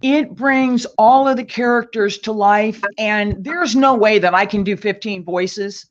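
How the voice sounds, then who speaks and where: A woman, a guest author and martial arts teacher, chatting in an interview in a slow, measured way and laughing easily. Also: mid-range voice. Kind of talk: casual interview chat. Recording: dull lo-fi sound.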